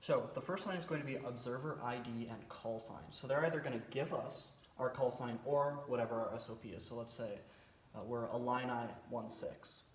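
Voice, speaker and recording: A man's voice: medium pitch, moderate pace. A man with a mid-range voice explains a military drill informally. He is plain-spoken and slightly hesitant, going step by step. The sound is roomy, with light noise behind him. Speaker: military cadet team instructor. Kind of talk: informal instructional briefing. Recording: roomy echo, faint background noise.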